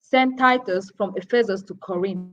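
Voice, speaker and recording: A woman giving a live Bible lesson, explaining in a measured way with pauses between phrases. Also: medium pitch, highs cut off. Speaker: Bible teacher.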